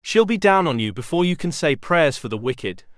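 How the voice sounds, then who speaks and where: A man's voice: on the high side, very animated, normal speed, no echo, clean studio sound. A man voicing a cocky schoolboy who mocks a strict teacher. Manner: cocky and mocking.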